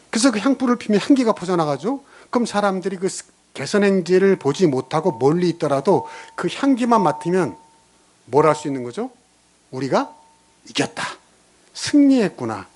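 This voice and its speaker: A middle-aged male pastor preaching a sermon, telling stories and putting questions to his congregation. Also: fairly high pitch. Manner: animated, storytelling, rhetorical questions to the congregation.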